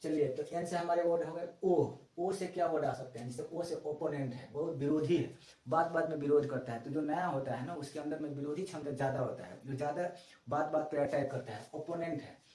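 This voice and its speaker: A middle-aged man teaches English vocabulary in a Hindi classroom lecture, repeating each term and spelling words out letter by letter. His voice is mellow and sits fairly high. He is heard from a distance in an echoey room. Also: fairly quick. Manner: explains word by word, spells words out letter by letter, repeats key terms.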